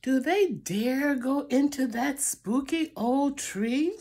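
Her voice high and mellow, an older woman takes her time reading a picture book to children indoors in a small home room. She draws out lines for dramatic effect and speaks directly to the kids now and then.

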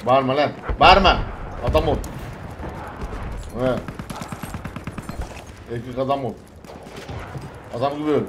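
A man giving casual gameplay commentary, excitable, swearing and bossing his teammates around. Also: mid-range voice, unhurried, pauses often, noisy background. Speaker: gamer. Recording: loud gunfire and explosions from the game. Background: game gunfire and bombardment.

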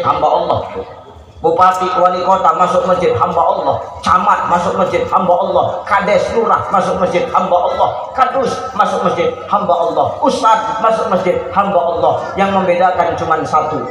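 High-voiced man preaching in an echoey hall. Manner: lively, jokey, addresses the audience as "Pak". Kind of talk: humorous sermon. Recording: echoey hall with faint background noise.

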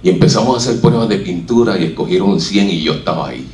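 Low-voiced puerto rican guy telling his story on stage, echoey room. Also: fast, a little hiss or hum. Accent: Puerto Rican Spanish. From Puerto Rico. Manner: animated storyteller, acts out what others said. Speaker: speaker at a talk. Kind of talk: personal storytelling talk. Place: stage in a hall with an audience. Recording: echoey hall, voice from a distance.

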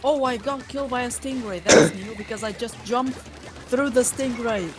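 A man's voice: very high-pitched, moderate pace, over music. A man chatting casually while playing a video game, calling out his own moves and weapons. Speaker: gamer on a live stream. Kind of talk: casual gaming chat.

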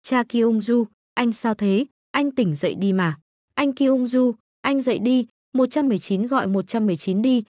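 A woman's voice: on the high side, normal speed, darkish tone, no echo, studio quality, lightly acted. A woman voicing a desperate young man who pleads frantically for his lover. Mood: frantic. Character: desperate young man in love, pregnant son.

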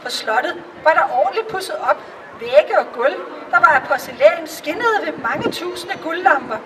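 A woman reading a fairy tale aloud in a calm storytelling manner. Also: high voice, distant mic, crowd noise, background noise. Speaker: reader.

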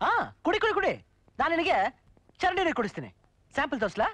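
A man's voice: very high voice, sing-song, quick pace, fairly bright tone, dry recording, full character voice. An actor playing a brash, mocking man who threatens swindlers with bombs, taunting in rhymes. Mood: menacing taunts.

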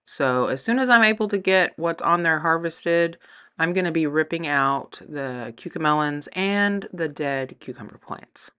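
Low-voiced woman vlogger, friendly and chatty, filming her garden outdoors on a phone. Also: lively intonation, measured pace, sharp tone, smooth. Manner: chatty and upbeat, with some fillers. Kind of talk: casual garden tour narration.

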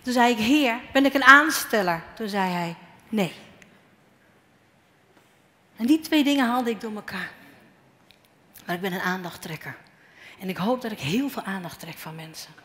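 A woman's voice: medium pitch, moderate pace, pauses often. A woman preaching a sermon, telling personal stories and acting out the dialogue, her voice a bit strained. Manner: animated storytelling, acting out dialogue. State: slightly strained voice. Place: church hall. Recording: echoey hall with faint noise.

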